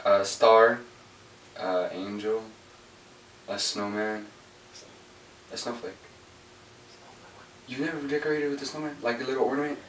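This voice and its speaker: Young man, casual blunt banter, forceful bright tone, roomy sound with faint noise. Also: medium pitch, fairly even intonation, measured pace, long pauses. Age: young adult. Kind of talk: casual banter in a challenge game. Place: small curtained room indoors. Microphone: camera a few feet away. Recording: roomy, distant camera mic, faint hum.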